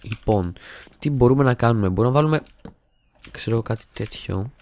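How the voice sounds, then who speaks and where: A man's voice: mid-range voice, darkish tone, slight background noise. A young man hosting a gaming video in casual, jokey commentary, rambling, muttering and humming to himself while he builds, recorded on a desktop mic at home. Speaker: gaming channel host. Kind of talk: casual let's-play commentary. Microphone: desktop studio mic.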